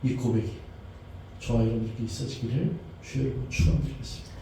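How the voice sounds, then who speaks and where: Fervent pastor preaching in an echoey church. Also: male voice, medium pitch, flat delivery, quick pace, background noise. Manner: fervent, rises to impassioned declaiming in repeated confessions. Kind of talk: sermon and closing prayer. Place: church sanctuary. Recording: very echoey church hall, distant mic.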